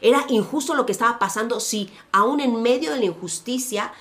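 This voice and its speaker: Speaking fairly quickly in a slightly high voice, this woman pastor co-hosts a relaxed faith podcast. Her storytelling is lively, full of slang-laced side comments.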